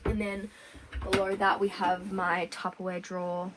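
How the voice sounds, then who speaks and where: A woman's voice: lowish voice, level tone, normal speed, crowd noise. A young woman, chatting casually as she gives a tour of her converted bus and laughs often. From Australia. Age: early 20s. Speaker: vlogger giving a bus tour. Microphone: camera held by her sister. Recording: camera at a distance with background noise.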